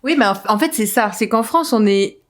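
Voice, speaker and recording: A woman co-hosting a podcast who talks in lively, slang-filled casual conversation. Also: on the high side, normal speed. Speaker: podcast co-host.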